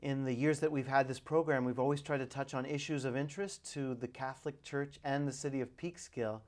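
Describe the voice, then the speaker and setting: A middle-aged priest hosts a public access TV interview, giving measured introductions with the odd filler. His voice is medium in pitch, with fairly even intonation and a darkish tone.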